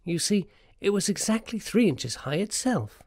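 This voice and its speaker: Narrator for scripted storybook audio: medium pitch, animated delivery. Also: moderate pace, dry recording, studio quality.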